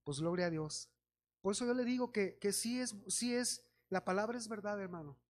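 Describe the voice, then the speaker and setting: Mexican preacher guy, kinda high voice, tells stories and does everyone's voices, keeps calling the crowd brothers. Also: normal speed. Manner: storytelling, acting out voices of people in his anecdotes; exhorting, addressing the congregation as brothers. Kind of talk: sermon.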